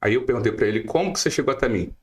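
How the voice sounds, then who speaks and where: A man's voice: mid-range voice, very fast. A middle-aged Brazilian man giving emphatic advice as a guest lawyer on a podcast, firing off rhetorical questions. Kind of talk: podcast interview.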